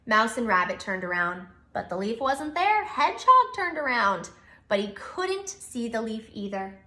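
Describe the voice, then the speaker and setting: Her pitch sits fairly high and her pace is measured as this woman, a preschool teacher, runs a children's story time. Her delivery is lively and expressive, and the recording carries the echo of a large room.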